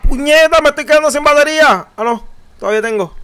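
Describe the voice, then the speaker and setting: High-voiced Puerto Rican gamer yelling. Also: male voice. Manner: jumpy, yelling and swearing, quick repeated outbursts. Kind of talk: live horror game commentary.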